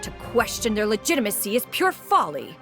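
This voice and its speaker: A woman's voice: mid-range voice, big pitch swings, a little fast, fairly bright tone. A woman voicing a proud ancient crane spirit in a video game, speaking in a stately, archaic and haughty way. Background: game music.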